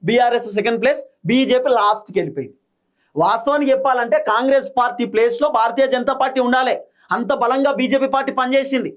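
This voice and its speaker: A man with a Telangana Telugu accent giving an emphatic political commentary monologue, repeating his points in short punchy phrases. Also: very high-pitched.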